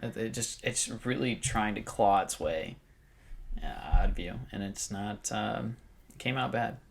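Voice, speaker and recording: A woman's voice: extremely low pitch, measured pace, vocal fry, husky. A young woman co-hosting a podcast in casual chat, with a dry, teasing, skeptical manner. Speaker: podcast co-host.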